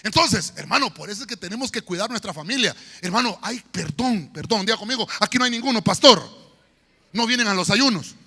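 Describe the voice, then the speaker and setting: A pastor preaching a sermon in a church, swinging between shouts and quiet murmurs. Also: male voice, high-pitched, animated, quick pace, few pauses, husky. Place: church sanctuary. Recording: long church hall reverb.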